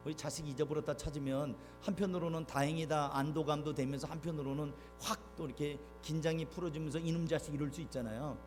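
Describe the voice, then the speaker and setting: A man's voice: fairly high pitch, in a large hall. A man preaching a sermon in a church, talking conversationally with the congregation and acting out quoted parents with rising emphasis. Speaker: pastor. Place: church sanctuary.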